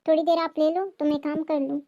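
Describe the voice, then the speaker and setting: A woman's voice: high voice, level tone, quick pace, dull audio. A woman voicing a weary young mother and daughter-in-law who pleads and explains in a cartoon family drama. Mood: pleading.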